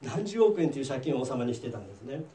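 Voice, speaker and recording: A man preaching a sermon as pastor, telling a parable in a lively storytelling way. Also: mid-range voice, quick pace, reverberant, far from the mic. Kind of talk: sermon with English interpretation.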